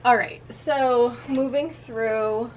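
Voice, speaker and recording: A woman's voice: fairly high pitch, fairly even intonation, takes it slowly, lo-fi sound, a little hiss or hum. A young woman vlogging casually in a small walk-in closet, talking to a camera on a tripod a few feet away, with lots of "like" and "you know". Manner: chatty, filler-heavy, candid. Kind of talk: casual closet clean-out vlog.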